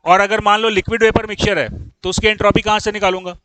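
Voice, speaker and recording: A man's voice: high-pitched, flat delivery, quick pace, fairly bright tone, clean tone, dry recording, low-quality recording. A man teaching an engineering class, explaining step by step and often asking whether students follow. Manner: explains, then checks understanding with frequent questions; scolds students in exasperation. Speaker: engineering lecturer. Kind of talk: classroom lecture.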